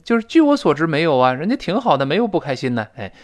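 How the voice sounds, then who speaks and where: A man's voice: a little high, quick pace. Man drilling English phrases. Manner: explains pronunciation in Mandarin with lively stress. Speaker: English teacher. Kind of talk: spoken English lesson.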